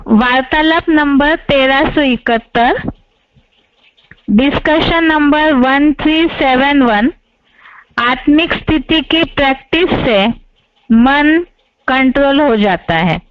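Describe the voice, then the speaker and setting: A woman giving a slow, measured religious lesson, explaining a verse with patient, repetitive phrasing. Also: sits high, dry recording. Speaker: scripture class teacher. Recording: dull lo-fi dry recording.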